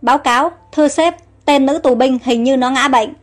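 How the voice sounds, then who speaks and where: Woman voicing rough male enemy soldiers, high and bossy. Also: steady tone, moderate pace, faint music behind. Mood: anxious.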